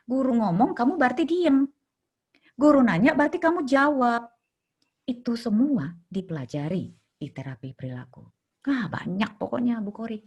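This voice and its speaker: A woman's voice: fairly high pitch, expressive, normal speed, darkish tone, husky. A middle-aged woman, a child therapist, telling stories in a casual interview and acting out scenes with sound effects.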